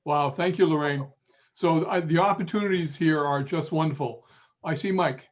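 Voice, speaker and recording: A man's voice: fairly high pitch, moderate pace. A man hosting a video call seminar, upbeat and thanking each speaker in turn. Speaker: seminar host. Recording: muffled video call audio.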